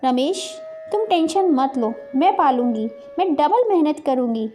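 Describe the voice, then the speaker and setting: A woman plays a gentle young pregnant wife from a storybook who pleads and reasons. Her voice is high and mellow, with soft music beneath. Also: animated, measured pace. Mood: pleading. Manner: pleading, tearful.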